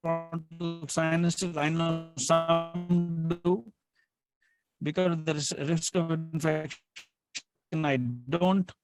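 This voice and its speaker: A man presenting surgical cases as a neurosurgeon, his speech halting with fillers and restarts, over a video call whose audio keeps breaking up and dropping out. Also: on the high side, level tone, music in the background. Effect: choppy, dropping-out video call audio. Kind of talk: medical case presentation.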